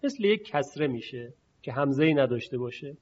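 A man teaching Quran recitation rules, explaining patiently and repeating sounds slowly to demonstrate them. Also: mid-range voice, animated, darkish tone, husky. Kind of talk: explanatory lesson. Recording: dull lo-fi sound.

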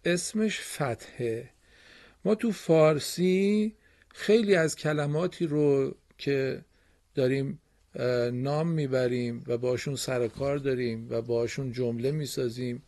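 A man teaching a broadcast reading lesson to children, explaining slowly and patiently and praising his pupils often. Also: medium pitch, warm tone.

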